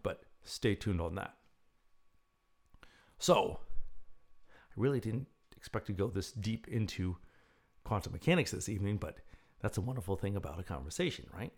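A man with a fairly low voice and plenty of gravelly fry. He hosts in a casual, reflective style suited to chat and guided relaxation. His delivery is musing and conversational, with pauses for emphasis. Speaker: host leading a talk and guided breathing exercise; assisted living home worker. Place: dining room at home.

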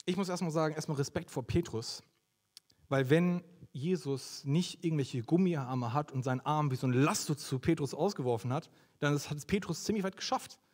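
Lively young preacher man, fairly high voice. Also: normal speed. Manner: lively, conversational, asks the audience questions. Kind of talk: sermon.

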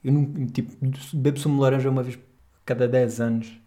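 A man's voice: mid-range voice, fairly even intonation, a little fast, mellow. A young man with a European Portuguese accent, hosting a podcast in a rambling, jokey, slangy way. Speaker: podcast host. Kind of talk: casual podcast chat.

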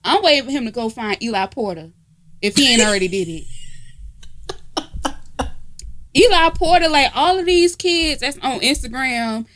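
A woman with a fairly high voice co-hosts a loose, comedic chat. She is brash and teasing, swears freely, and sounds like she is talking at home with a friend. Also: animated, normal speed, pauses often, fairly bright tone. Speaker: podcast co-host. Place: informal home setting, not a studio.

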